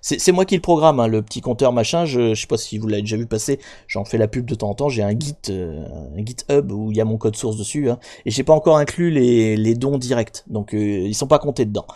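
Man, streamer, middle pitch, casual chatty commentary, rambling, many fillers, jokes with viewers. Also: fairly quick, hardly any pauses, mellow. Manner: jokey, talks directly to viewers. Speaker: streamer hosting a hacking live stream.

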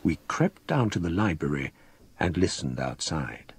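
An actor playing an older, scholarly English gentleman who narrates a ghost story in a measured, formal, literary manner for a radio drama. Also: a bass voice, sing-song, a little hiss or hum, heavily acted. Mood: grave, reflective.

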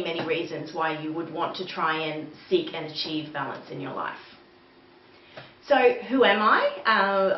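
A middle-aged Australian woman with a fairly low voice gives an informal webinar, explaining things conversationally while seated in a small room with a bare wall. The recording is roomy and dull, picked up by a distant mic with faint noise.

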